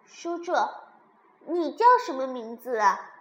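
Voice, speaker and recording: A woman's voice: animated, measured pace, rough recording. A woman doing a teary baby dinosaur. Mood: sweet curious. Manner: high, tearful, sweet childlike. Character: crybaby little baby spinosaurus.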